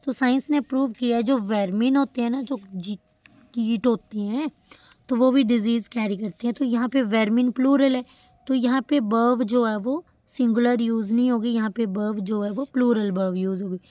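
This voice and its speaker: A woman teaching a grammar lesson, reading English examples slowly before explaining them. Her voice sits a little high. The recording is dry and close, with no room echo. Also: fairly even intonation, warm tone, dull audio.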